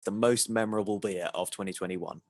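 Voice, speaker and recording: Deep-voiced man, dry sound. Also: brisk, dry recording. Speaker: podcast co-host. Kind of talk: casual chat.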